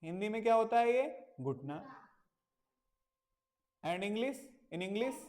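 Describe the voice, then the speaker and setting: A man's voice: high voice, animated, slow pace, darkish tone. A male teacher giving a children's English lesson, patiently repeating words and spelling them out letter by letter, mixing Hindi with simple English phrases.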